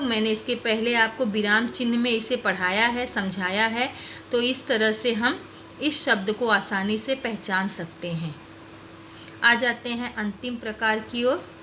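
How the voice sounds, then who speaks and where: A woman with a bright, clear, somewhat high voice teaches a grammar lesson at an unhurried pace. She explains patiently and keeps turning questions back to her young pupils. A faint hum sits behind her.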